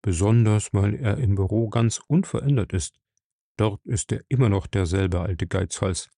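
A timid middle-aged clerk who confides his worries in a hushed, anxious tone, as a male reader voices him. A gravelly low voice, recorded dry and close. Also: normal speed, dry recording. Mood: worried.

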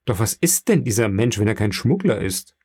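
A man's voice: lowish voice, big pitch swings, normal speed, darkish tone, husky, no echo, studio quality, exaggerated voice. A man reading as a curious young nobleman. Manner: probing, asks question after question.

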